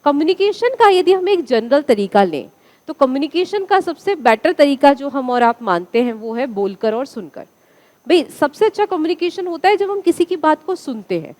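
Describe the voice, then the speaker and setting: A woman's voice: sits high, big pitch swings, normal speed, a little mellow. A woman teacher giving a classroom lecture, asking the students questions and answering them herself.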